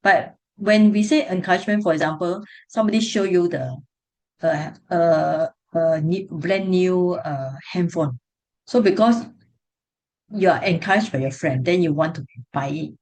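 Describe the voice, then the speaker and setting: A woman's voice: lowish voice, moderate pace, a little mellow. A woman with a Singaporean or Malaysian English accent teaches an online class, explaining step by step in colloquial Singlish and checking that students follow. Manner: colloquial Singlish phrasing with tag words like "ah". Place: online video call class.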